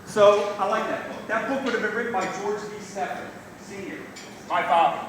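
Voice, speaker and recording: A middle-aged man gives an informal father of the bride speech, plain-spoken, salty and emotional, with halting delivery. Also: high-pitched. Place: large reverberant reception room indoors. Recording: echoey hall, distant mic, noisy room.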